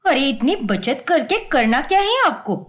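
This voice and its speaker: A woman plays a hot-tempered young daughter-in-law with a job in a melodramatic cartoon, sounding sharp-tongued, sarcastic and indignant. Her voice sits high and is very animated, at a normal speed.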